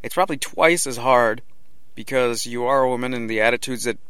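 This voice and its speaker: A man's voice: medium pitch, fairly quick, fairly bright tone, smooth, no echo. Thoughtful man posing a question. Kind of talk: casual conversation.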